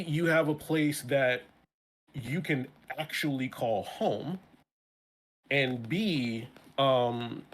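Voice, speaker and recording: A man from Brooklyn, New York, with a New York accent, is a guest in a casual interview chat. He talks animatedly in a medium-pitched voice and often restarts his words.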